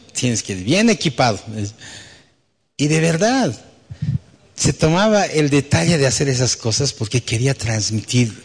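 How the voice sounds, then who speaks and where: Male pastor, sermon with rhetorical questions, long hall reverb. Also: medium pitch. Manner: storytelling, rhetorical questions, tag "¿no?".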